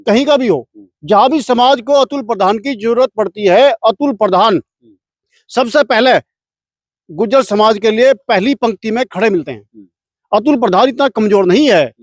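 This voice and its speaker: Brief: man, high voice, dry close sound, speech-like and emphatic. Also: no echo. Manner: declamatory, listing with emphasis. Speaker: interviewee from the community. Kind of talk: emphatic street interview.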